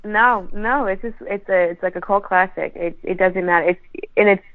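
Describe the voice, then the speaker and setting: A woman's voice: mid-range voice, moderate pace, dry recording, narrow, tinny audio. A young woman co-hosting a podcast in casual chat, giggly and teasing. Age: young adult. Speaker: podcast co-host.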